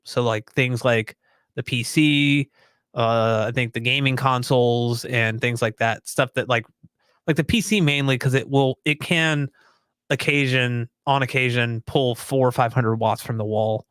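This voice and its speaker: A man's voice: mid-range voice, fairly even intonation, measured pace, fairly bright tone, clear, resonant tone, no room sound. A young man co-hosting a podcast live stream, chatting casually in an easygoing, rambling, self-deprecating way. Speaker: podcast co-host.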